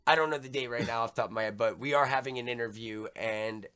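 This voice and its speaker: A young man with a New York accent hosting a podcast, talking fast and full of slang in a casual chat. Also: mid-range voice, bright, forceful tone, clean tone. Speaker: podcast host.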